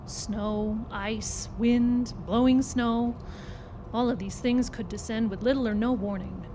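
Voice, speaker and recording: On stage at a performance club, a woman narrates a scripted story dramatically, her voice on the high side, steady and slow. The live recording is noisy.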